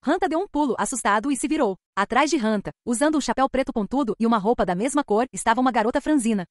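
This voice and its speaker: A woman narrating a light novel audiobook with a brisk, even reading. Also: on the high side, no room sound, studio quality.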